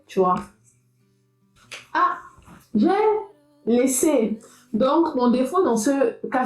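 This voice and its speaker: A young woman talks straight to her viewers in a casual vlog, her voice lively and fairly high. The room around her is echoey, and faint music plays in the background. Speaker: vlogger.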